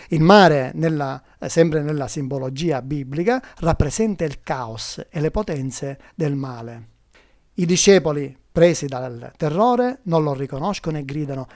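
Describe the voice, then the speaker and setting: A man reading a gospel passage aloud and reflecting on it in a devout, measured way. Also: fairly high pitch, a little mellow, no room sound, clean studio sound. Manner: devout, measured, rising emphasis on key phrases. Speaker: lay presenter of a gospel reflection. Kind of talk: reading and preaching on scripture.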